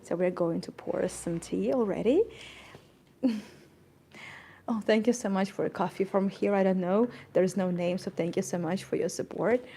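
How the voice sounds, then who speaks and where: A woman's voice: medium pitch, moderate pace, warm tone, husky. A woman guide chatting casually and thankfully on a live stream from a cozy café, laughing often and stumbling over her words. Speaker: tour guide vlogger. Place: cozy indoor garden café.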